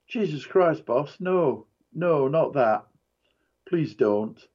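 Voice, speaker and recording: Man doing a pleading big tough man, slow, lo-fi sound. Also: mid-range voice, darkish tone, lightly acted. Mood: alarmed.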